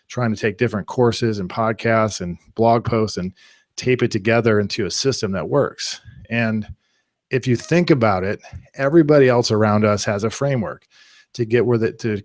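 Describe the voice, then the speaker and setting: A man leads a live online class, talking through his points in an energetic, conversational way. His voice sits on the low side and the recording is dry, with no room sound behind him. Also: no room sound. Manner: energetic, conversational, uses analogies. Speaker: webinar presenter.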